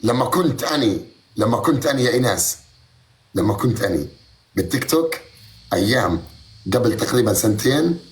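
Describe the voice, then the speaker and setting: A man's voice: medium pitch, animated, fairly quick, long pauses. A man bantering playfully as a rival streamer on a live stream.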